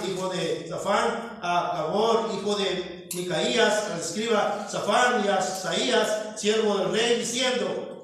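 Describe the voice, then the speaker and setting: High bright Mexican pastor in echoey church. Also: male voice, far from the mic. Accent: Mexican Spanish. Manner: preaching with rhetorical questions, calling listeners brothers. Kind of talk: sermon. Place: church hall.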